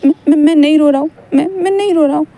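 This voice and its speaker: A woman's voice: high-pitched, racing, mellow, voice pushed up. Woman doing a teary, stammering little boy. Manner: sobbing, stammering protests.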